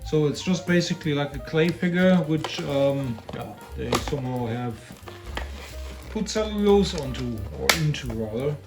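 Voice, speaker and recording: A man's voice: a little high, animated, normal speed, over loud music. A man co-hosting a craft vlog, chatting casually and explaining things with fillers. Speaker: co-host. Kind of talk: casual unboxing chat.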